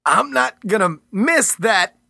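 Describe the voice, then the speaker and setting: A man's voice: high-pitched, expressive, slow pace, sharp tone, no room sound, studio quality, pitched above the performer's own voice, exaggerated voice. A man doing a taunting, menacing federal agent. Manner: smooth, condescending, taunting.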